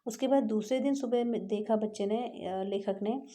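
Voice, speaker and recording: Woman teacher, chapter reading, patient retelling, very dark mellow voice. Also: mid-range voice. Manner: reads a passage, then retells it in simpler words; slow, patient explaining with pauses and restarts. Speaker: school teacher. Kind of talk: reading and explaining a textbook chapter.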